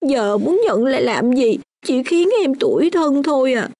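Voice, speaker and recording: A woman's voice: high-pitched, lively intonation, moderate pace, dark tone. A woman voicing a young orphan girl in a radio drama, stubborn and hurt, with a sulky insistence.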